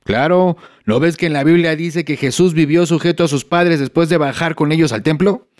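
A patient, caring father, played by a man, with a Mexican accent and a somewhat raised voice. He reassures his son softly and kindly in a family sketch. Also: a little high, moderate pace, close to an everyday voice. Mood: gentle. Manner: gentle, reassuring.

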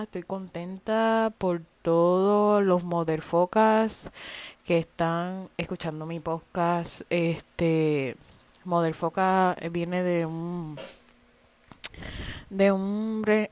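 Hosting a casual solo podcast, a Puerto Rican woman with a Puerto Rican accent rambles along, full of fillers and the occasional curse word. Her voice sits fairly low with a darkish tone, and she speaks slowly with fairly even intonation.

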